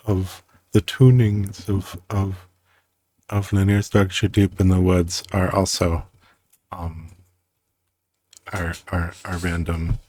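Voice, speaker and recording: Low slow-talking man musing aloud. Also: warm tone, dry recording. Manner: halting, self-interrupting, playful, muses aloud. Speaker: creator explaining his own programming system. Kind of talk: casual rambling screen-recorded explanation.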